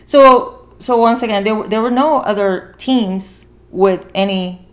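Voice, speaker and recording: A woman with a medium-pitched voice speaks a little slowly as she hosts a podcast. Her casual, earnest chat about a film includes encouraging repetition of phrases for emphasis.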